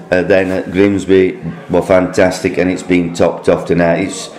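A man, a club secretary speaking upbeat and plainly after a match. His voice is very deep. The sound rings with a roomy echo. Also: darkish tone. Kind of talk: post-match interview. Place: football stadium.

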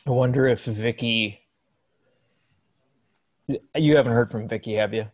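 A man's voice: mid-range voice, steady tone, measured pace. Easygoing man chairing a video meeting. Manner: easygoing, greets each arrival. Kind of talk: casual video-call chat. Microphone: video call.

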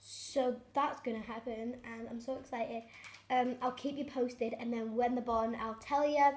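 Excitable rambling woman in echoey room. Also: fairly high pitch, moderate pace. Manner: rambling, excitable, lots of fillers. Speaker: vlogger. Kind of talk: casual chat to camera. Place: home. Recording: echoey room with faint noise.

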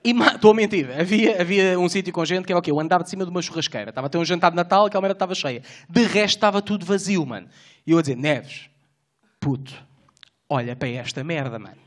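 A man with a European Portuguese accent doing live stand-up on stage, telling a story in an animated, profane, slangy way. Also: high-pitched, very fast. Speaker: stand-up comedian. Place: comedy stage before a live audience.

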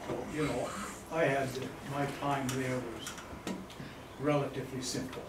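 A man's voice: medium pitch, flat delivery, unhurried. An older man, a veteran guest speaker, reminiscing in a wry, plain-spoken way. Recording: echoey hall, distant mic, noise.

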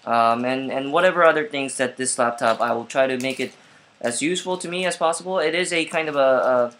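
Man, casual vlogger, bright tone, rambly with fillers, laptop webcam at home. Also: mid-range voice, a little fast. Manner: rambling, lots of fillers and restarts. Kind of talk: casual vlog storytelling.

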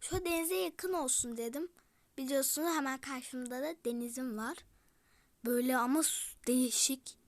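A woman's voice: high voice, moderate pace. A female YouTuber giving chatty game commentary, talking straight to her viewers and slipping into whispered asides. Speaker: gaming YouTuber.

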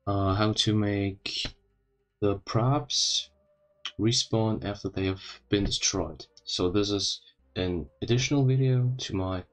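A man runs a casual coding tutorial, speaking in halting phrases. His wisdom teeth were just removed, so his speech sounds slightly odd and impeded. His voice sits on the low side.

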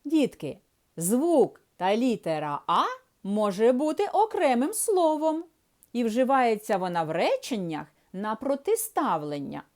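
A woman gives a reading lesson to small children in a patient, sing-song voice. Her pitch sits a little high and rises and falls widely. She speaks slowly and carefully. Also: very animated, darkish tone. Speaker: preschool teacher. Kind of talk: early-years reading lesson.

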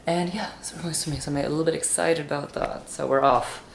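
A woman's voice: low-pitched, steady tone, fast talker, gravelly. A woman in her thirties chatting casually into a handheld camera, rambling in a self-mocking way. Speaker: vlogger. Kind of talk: casual vlog chat. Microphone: camera held at arm's length. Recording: noisy handheld camera audio.

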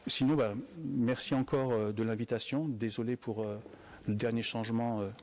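A man's voice: medium pitch, fairly even intonation, moderate pace, darkish tone, a little hiss or hum. A man speaking as a conference panelist, offering remarks with frequent fillers and hesitations.

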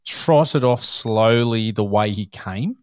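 A man with an Australian accent hosts a podcast, spinning his stories in a loose, animated way with bits of laughter and casual slang. His voice sits low, and the sound is dry and close with no room in it. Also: takes it slowly, no echo. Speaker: podcast host. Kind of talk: casual storytelling chat.

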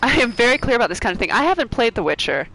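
A woman streaming a video game, chatting casually with her viewers and a co-op partner, bubbly and quick to laugh and joke. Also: fairly high pitch, sing-song, gravelly, a bit bright, slight background noise, low-quality recording. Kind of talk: casual live-stream chat.

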